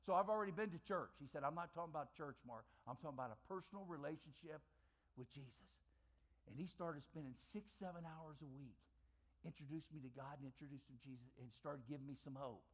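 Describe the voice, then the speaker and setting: A man's voice: a little fast, husky. Dramatic man telling his testimony. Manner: dramatic storytelling, repeats phrases for emphasis; swings from loud bursts to quiet low lines. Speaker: chapel guest speaker. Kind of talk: personal testimony talk.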